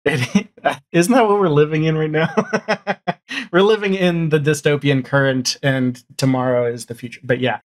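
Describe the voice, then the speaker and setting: A middle-aged or younger man, an audio drama showrunner, chats casually as a podcast guest over a video call from a room at home. His voice is a little high and his speed normal; he rambles a bit while thinking aloud and often ends on "right?".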